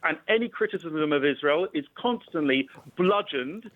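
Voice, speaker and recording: Male phone-in caller, slightly high voice, tinny phone line, dry sound, insistent and argumentative. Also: animated, moderate pace, no echo. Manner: insistent, argumentative, stumbles and repeats words. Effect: heard over a phone line on a radio show. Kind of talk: heated phone-in debate.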